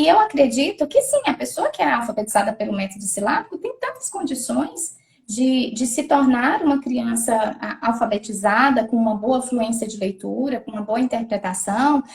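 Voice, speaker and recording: A woman's voice: fairly high pitch, expressive, normal speed, creaky. A woman educator explaining reading methods in a thoughtful conversational way, often restarting and repeating words. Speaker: literacy educator.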